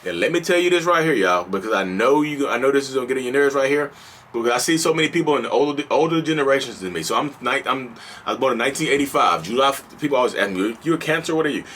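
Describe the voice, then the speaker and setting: A man's voice: medium pitch, lively intonation, fast talker, a bit bright, a little hiss or hum. A man in his thirties hosting a vlog, talking casually and building into passionate, repeated rhetorical questions. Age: 30s. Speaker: host.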